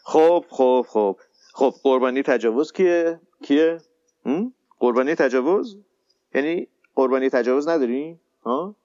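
A man playing an impatient, sarcastic group counselor in a radio sitcom, speaking brusquely with drawn-out hesitations. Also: medium pitch, expressive, a little mellow, no room sound, natural voice. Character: bossy impatient male counselor, middle-aged. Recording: slightly muffled, dry recording.

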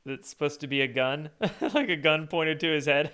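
Commentary host, male, wry and animated, resonant voice. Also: fairly high pitch, unhurried, clear, resonant tone. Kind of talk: casual political commentary.

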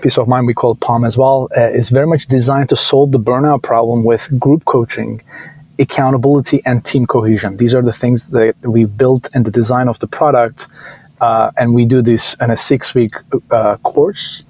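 Turkish-accented founder, halting speech. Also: male voice, mid-range voice, fairly even intonation, a little mellow, slightly rough, rough recording. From Turkey. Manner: hesitant, many fillers and restarts. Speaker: startup founder, guest. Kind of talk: casual interview talk.

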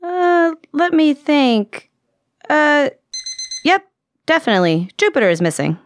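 A woman's voice: high voice, big pitch swings, unhurried, no echo. A woman voicing a drowsy talking alarm clock in an audio drama, sighing sleepily and dragging out grudging words. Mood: sleepy, reluctant.

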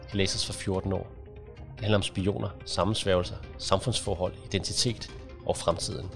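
Man, audiobook narrator, measured reading, gravelly voice, faint music. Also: low-pitched, steady tone. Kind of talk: scripted narration.

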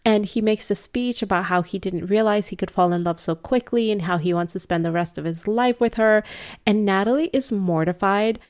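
A woman's voice: medium pitch, fairly quick, a little mellow. A woman recapping a movie plot in casual chat, laughing often and acting out the characters' lines. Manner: chatty, laughs often, acts out quoted lines.

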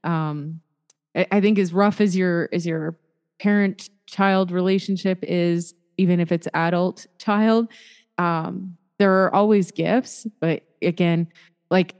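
A woman co-hosting a podcast talks reflectively, with a lowish voice and frequent fillers as she works through her thoughts. Her voice carries a long reverb tail, as if recorded in a reverberant room. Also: a little mellow, smooth. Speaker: podcast co-host. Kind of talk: casual chat.

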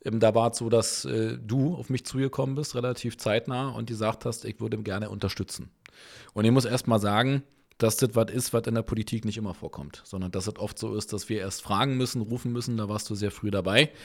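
Low-voiced man hosting an interview. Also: steady tone, brisk, creaky. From Berlin. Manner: hesitant, many filler sounds. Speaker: podcast host. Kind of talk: casual interview chat.

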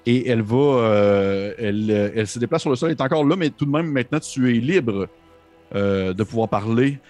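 A man's voice: mid-range voice, fairly quick, darkish tone, soft background music. A man, narrating a tabletop game as game master in a descriptive way, with frequent hesitations. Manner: descriptive, hesitant with many fillers.

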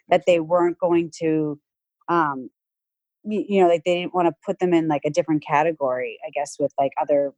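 Middle-aged Boston woman, lowish voice, dry close mic, chatty guest. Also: no room sound. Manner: chatty, lots of fillers and animated retelling. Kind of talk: casual chat.

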